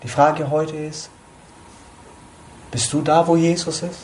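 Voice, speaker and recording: A man's voice: on the high side, little pitch movement, takes it slowly, a little mellow, slight background noise. A man giving an informal sermon to a small group, conversational, often asking his listeners questions. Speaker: preacher at a small church group.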